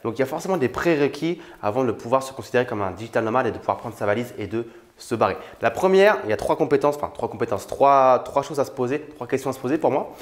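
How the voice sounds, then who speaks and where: A young man from France talks straight to his viewers in a quick, loose, familiar way. He rattles along at a brisk clip, dropping fillers as he goes, and his voice sits at an ordinary middle pitch. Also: expressive. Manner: chatty and informal, addresses viewer familiarly, many fillers. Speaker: YouTuber on money and online business. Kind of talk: casual direct-to-camera talk.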